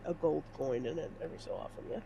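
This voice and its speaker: A man playing in a tabletop game, joking and animated. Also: fairly high pitch, fast, vocal fry, highs cut off, slight background noise. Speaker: player. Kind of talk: casual tabletop play.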